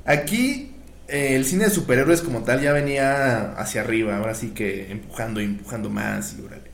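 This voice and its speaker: A man's voice: mid-range voice, a little fast, gravelly. Man, casual podcast storyteller, acts out the quotes, echoey room, faint ambient noise. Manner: animated retelling, acts out quoted dialogue. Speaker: guest telling film history.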